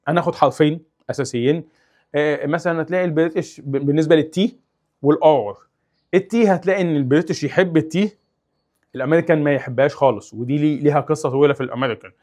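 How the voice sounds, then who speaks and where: A young man with an Egyptian Arabic accent teaching English in a casual, animated way, exaggerating sounds to demonstrate them. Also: on the high side. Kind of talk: casual explanatory lesson.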